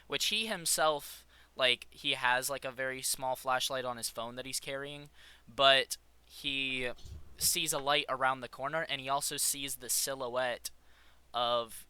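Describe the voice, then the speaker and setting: A man's voice: mid-range voice, fairly even intonation, measured pace, pushed and bright, clear, resonant tone, no room sound. A man running a tabletop game, narrating in a rambling way with frequent fillers and restarts. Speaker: game master.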